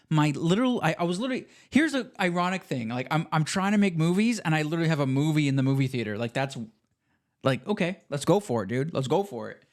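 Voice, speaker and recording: A young American man hosting a podcast, telling family stories in an enthusiastic, casual way and often calling the listener "dude". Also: a little high. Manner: enthusiastic, says "dude" a lot. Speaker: podcast host. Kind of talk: casual storytelling monologue.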